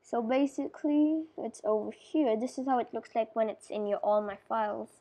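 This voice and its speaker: This gameplay tutorial maker chats casually while playing, often trailing into whispers or mumbles and fixing their own words. Their mid-range voice has a dark tone and a moderate pace, and the recording quality is rough.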